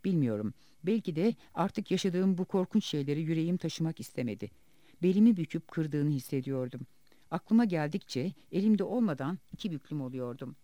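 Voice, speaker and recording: A man reading the part of a bitter, wounded woman house cleaner in an audiobook, in a quiet, subdued way. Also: fairly high pitch, expressive, normal speed, no room sound, close to an everyday voice. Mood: haunted.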